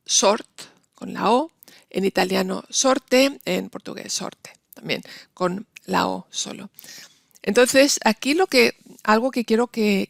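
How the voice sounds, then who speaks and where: Woman lecturing, gravelly and dry. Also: medium pitch, dry recording. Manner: explanatory, slow careful stress on example words. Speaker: Spanish linguistics instructor. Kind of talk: university lecture.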